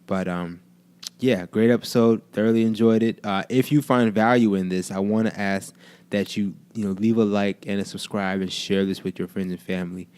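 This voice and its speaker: A man's voice: on the low side, steady tone, normal speed, darkish tone, clean tone. A man hosting a podcast, giving a friendly, rambling introduction full of fillers. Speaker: podcast host.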